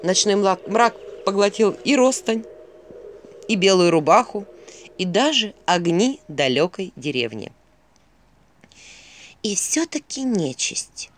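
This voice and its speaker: Woman, audiobook narrator, fairy-tale reading, animated intonation, expressive. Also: medium pitch, measured pace, a little hiss or hum. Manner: expressive storytelling.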